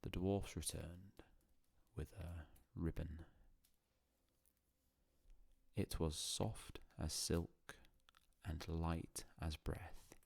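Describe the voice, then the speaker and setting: Very deep, slow bedtime storyteller man. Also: creaky, breathy edge, dry recording. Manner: hushed, solemn, unhurried with long pauses. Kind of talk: calm bedtime storytelling, scripted narration.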